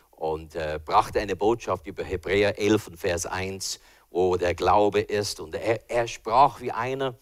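An older man preaching a sermon with personal testimony, swinging between hushed and loud and acting out voices. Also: low-pitched, no echo.

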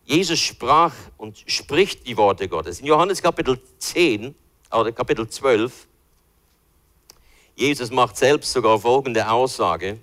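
A man's voice: mid-range voice, expressive, slow pace, a bit bright. A man teaching from the Bible in an informal, conversational way, thinking aloud as he looks for verses. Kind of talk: informal Bible study talk.

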